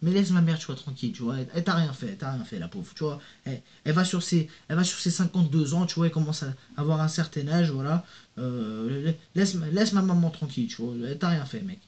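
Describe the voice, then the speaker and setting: A man's voice: a little high, animated, quick pace, dark tone. A young man in a casual vlog, reading viewer comments aloud and answering them in a rambling, slangy way while speaking straight to the viewer. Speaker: YouTuber. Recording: dull lo-fi sound.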